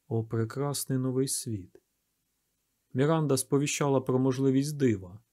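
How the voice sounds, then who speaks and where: A man narrating a novel in a measured, expressive audiobook reading. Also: medium pitch. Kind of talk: scripted literary narration.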